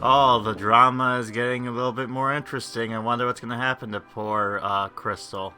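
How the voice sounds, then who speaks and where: A man gives casual gameplay commentary as host. His voice is bright and forceful, with mid pitch. Faint game music plays behind him. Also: fairly even intonation, fairly quick.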